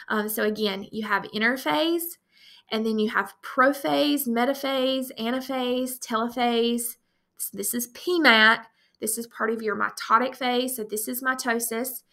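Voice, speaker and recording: A woman's voice: on the high side, bright, forceful tone. A woman teaching science, explaining a review lesson to her students in an upbeat, direct way.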